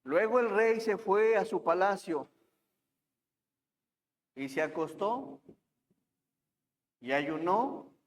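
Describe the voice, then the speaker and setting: A man's voice: high voice, slow pace, long pauses. A man preaching a sermon, reading scripture and asking the congregation questions. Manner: asks the congregation questions, reads scripture aloud. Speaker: pastor. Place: church hall. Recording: long hall reverb in church.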